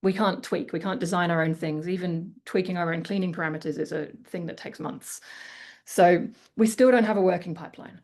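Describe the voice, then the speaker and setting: A woman's voice: on the low side, fairly even intonation, a little fast, darkish tone. A woman with an Australian accent giving a conference talk, then chatting candidly with many casual fillers. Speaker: conference speaker.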